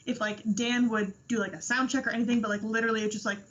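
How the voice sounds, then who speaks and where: Young woman guest, high and gushing, muffled remote audio. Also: fairly even intonation, fast talker, a bit bright, slight background noise. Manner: breathless, gushing, quotes herself a lot. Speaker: interview guest. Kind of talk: excited personal storytelling.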